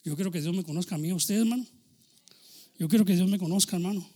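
A man preaching a sermon as pastor, swinging between loud exclamations and low asides. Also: fast talker.

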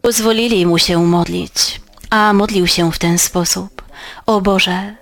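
A woman preaching a sermon in a measured, earnest way, her voice rising for emphasis. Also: fairly low pitch, fairly even intonation, vocal fry, no room sound.

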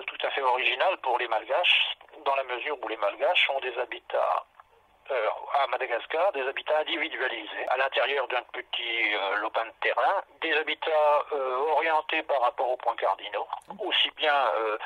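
A man explaining his research in an unscripted interview, haltingly, often searching for words and rephrasing as he goes. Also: mid-range voice, pushed and bright, slightly rough, rough recording.

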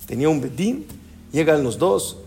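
A man's voice: a little high, big pitch swings, moderate pace, creaky, darkish tone, soft background music. A man, a rabbi giving a storytelling Torah class who keeps asking his listeners rhetorical questions.

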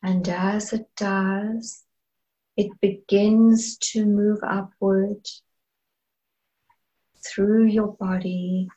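A woman leading a guided meditation in a soft, soothing, breathy manner, leaving long pauses between phrases. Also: medium pitch, little pitch movement, low-quality recording. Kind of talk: slow guided meditation narration.

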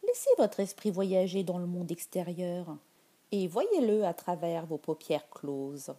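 A woman guiding a meditation, her voice low and breathy, often sinking into a whisper. She speaks very slowly, with a warm, mellow tone. Her pitch rises and falls in wide, soothing swells. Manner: soft, slow and soothing, drifting into whispers. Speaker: meditation guide. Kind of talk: guided meditation.

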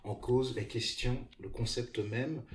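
A man's voice: medium pitch, steady tone, slow pace. A man co-hosting a podcast, chatting casually about what he recommends, with frequent hesitations and wry asides. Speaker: podcast co-host. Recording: echoey room with faint noise.

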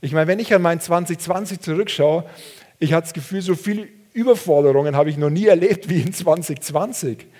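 A man preaches a sermon at a fairly quick pace, reading scripture aloud and swinging between soft, low passages and loud, raised ones.

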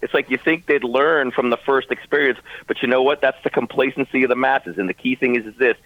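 A man's voice: medium pitch, brisk, fairly bright tone, no echo, rough recording. A male co-host gives conversational, explanatory radio commentary. His voice is mid-range and recorded close, with a dry sound.

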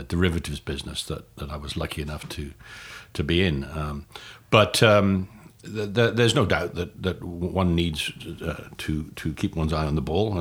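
An older man from Wales answering interview questions in a halting way, with many restarts and fillers. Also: extremely low pitch, husky. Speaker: guest.

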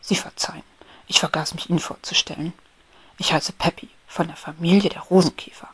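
A woman's voice: on the low side, fairly even intonation, fairly quick, husky. A woman whispering a fussy, formal rose beetle. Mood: grumpy. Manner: formal, indignant scolding. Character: prim, fussy male rose beetle, polite yet grumpy. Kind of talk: whispered role-play.

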